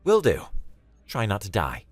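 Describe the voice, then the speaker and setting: A man voicing a tough, reckless woman military commander who gives brisk orders in an audiobook story. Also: fairly low pitch, wildly swooping pitch, no echo, soft background music, pitched above the performer's own voice, exaggerated voice. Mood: commanding.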